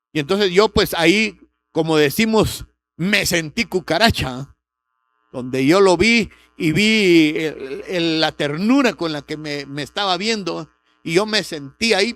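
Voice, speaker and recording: A man's voice: on the high side, a bit bright. A middle-aged man, preaching a sermon with a personal testimony and rising sharply on key words. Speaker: pastor.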